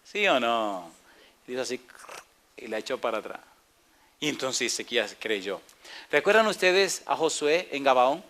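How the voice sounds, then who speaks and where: A pastor preaching a sermon with animated delivery, asking the congregation questions and acting out dialogue in playful voices. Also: male voice, medium pitch, moderate pace, pauses often.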